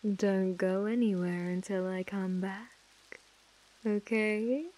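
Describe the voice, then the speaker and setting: A woman's voice: mid-range voice, steady tone, slow pace, dark tone, close to an everyday voice. A British woman playing an obsessive mafia heiress who speaks with controlling, condescending affection in an ASMR role-play. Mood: menacingly tender. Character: possessive, obsessive female mafia heiress, menacingly tender captor.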